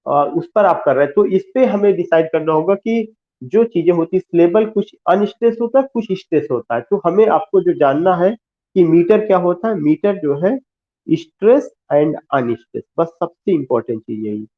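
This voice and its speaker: A man giving a classroom lecture, explaining slowly, repeating key terms and asking rhetorical questions. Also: high voice, lively intonation. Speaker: teacher. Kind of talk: classroom lecture mixing Hindi and English. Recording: tinny phone-like sound.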